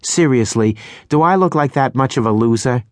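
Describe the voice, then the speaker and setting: A male narrator voicing a young woman police officer who speaks bluntly and deadpan. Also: mid-range voice, normal speed, no echo, clean studio sound, voice pushed up, lightly acted. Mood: wry. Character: sharp, unimpressed young woman cop. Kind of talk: audiobook character voice.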